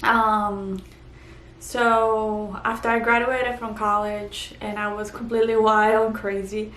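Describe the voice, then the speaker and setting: A woman's voice: medium pitch, little pitch movement, a bit bright. Earnest Puerto Rican woman, echoey room. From Puerto Rico. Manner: earnest, halting with fillers and restarts. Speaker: vlogger. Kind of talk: personal testimony vlog. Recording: echoey room, faint background noise.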